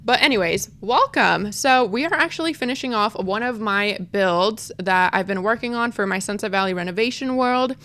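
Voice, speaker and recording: A woman's voice: mid-range voice, normal speed, few pauses, fairly bright tone. A woman talking with braces, slightly lisping and wet, in a gushing, slangy, casual voice-over as a gaming video creator.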